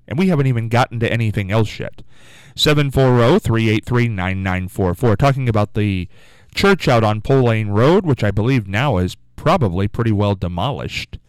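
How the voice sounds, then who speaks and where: A man with a lowish, clean voice hosts a morning call-in program, his talk loose, rambling and reflective as he keeps asking listeners to ring in. The recording, made on a studio microphone in a radio studio, is dry but of poor audio quality.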